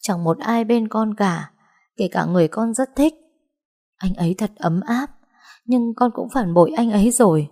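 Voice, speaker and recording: A woman's voice: mid-range voice, moderate pace, dark tone, voice pushed up, close to an everyday voice. A woman voicing a frightened young woman crying to her parents in a story. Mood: sobbing.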